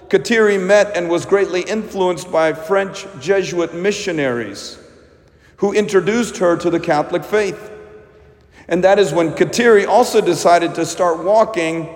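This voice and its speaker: Priest in a cathedral echo. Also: male voice, sits high. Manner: slow, measured preaching delivery. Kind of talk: gospel reading and homily. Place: large church. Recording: long echoing church reverb.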